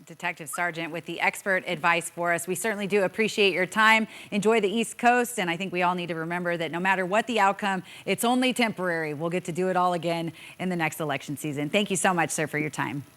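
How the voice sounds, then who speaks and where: A woman's voice: on the low side, fast talker, hardly any pauses, a bit bright. Polished woman TV news reporter. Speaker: television news journalist, interviewer. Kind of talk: broadcast news presenting and interviewing.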